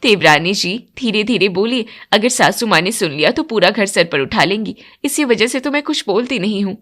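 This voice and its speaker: Woman voicing a timid, gentle elder wife. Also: mid-range voice, lively intonation, moderate pace. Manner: soft, cautious.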